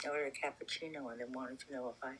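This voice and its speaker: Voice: medium pitch, fairly even intonation, rapid-fire, fairly bright tone, a little hiss or hum. An older person in their seventies from the New York area with a faint New York accent, chatting casually on a phone call in a rambling, amused way. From New York City area. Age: 70s. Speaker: caller.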